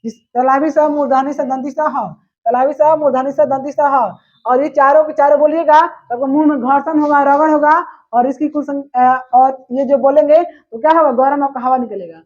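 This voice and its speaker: High-voiced woman teaching a grammar lesson. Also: steady tone, normal speed, darkish tone. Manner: repeats questions and answers them herself. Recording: dull lo-fi recording.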